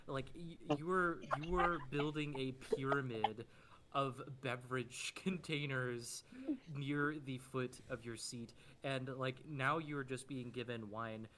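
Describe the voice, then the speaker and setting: A man's voice: medium pitch, slow pace, background noise. A man narrating a tabletop game as game master, in a casual way with many fillers.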